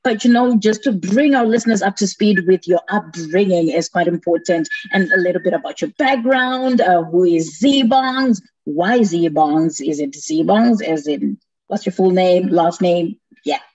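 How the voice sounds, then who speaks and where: A woman's voice: on the low side, moderate pace, a little mellow, breathy edge. A woman from Zimbabwe hosting a radio interview, chatting in a bubbly, playful way with frequent laughs. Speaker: radio show host. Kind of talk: casual interview chat. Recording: dull lo-fi sound.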